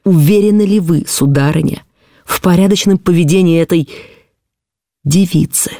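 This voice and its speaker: A woman reading an audiobook, voicing a stern, cold middle-aged nobleman in a measured, cutting manner. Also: fairly low pitch, warm tone, no echo, clean studio sound, pitched above the performer's own voice, lightly acted. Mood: contemptuous. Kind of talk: audiobook reading of a classic novel.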